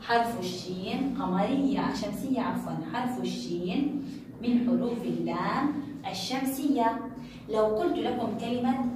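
A woman teaching a lesson to young children, stretching out words and syllables slowly and praising often. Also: on the high side. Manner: slow drawn-out syllables, frequent praise. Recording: echoey room from a distant mic with noise.

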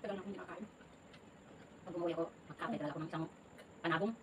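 A woman's voice: lowish voice, racing. A woman chatting casually over a meal at home, chewing while she talks and often groping for the right word. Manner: rambling, often hunting for words. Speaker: mukbang vlogger. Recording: distant mic with background noise.

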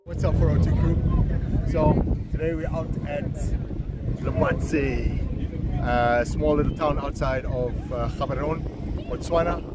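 A middle-aged South African man vlogging outdoors at a drag strip, calling races with upbeat, excited play-by-play into a handheld camera mic. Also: a little high, unhurried, heavy background noise. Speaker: vlogger and race commentator. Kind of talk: casual vlog commentary.

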